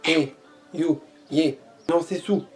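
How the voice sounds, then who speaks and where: Soft music plays behind a man whose voice is fairly high, evenly pitched and slow. In his casual vlog he's learning Portuguese, playfully boasting and repeating the foreign expressions he tries out.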